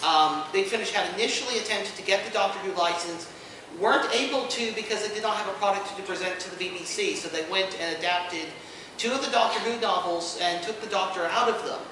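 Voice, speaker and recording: Bright and forceful, a high male voice moves at a brisk clip as he leads an informal indoor convention panel. He co-hosts a podcast and delivers his explanations with dry humor. The room echoes, the mic is far away, and background noise comes through.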